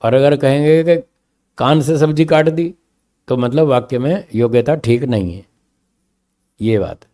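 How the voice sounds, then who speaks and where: A man teaching a philosophy class, explaining meaning through slow spoken examples and often checking that his listeners follow. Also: medium pitch, dark tone. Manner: stresses single words to show meaning.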